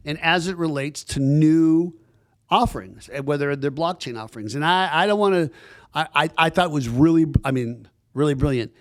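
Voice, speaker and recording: A man's voice: fairly high pitch, expressive, normal speed. A man hosting a podcast, chatting casually and enthusiastically with lots of restarts as he introduces his guest. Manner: rambling and enthusiastic, many restarts. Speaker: podcast host.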